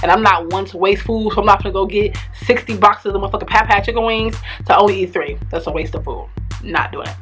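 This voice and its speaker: An outspoken woman vlogger chatting at home, blunt and unfiltered, swearing freely between bites. Her voice sits at an ordinary middle pitch, with faint music in the background. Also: quick pace, a bit bright. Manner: eating while talking. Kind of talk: casual opinionated chat. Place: home in Minnesota.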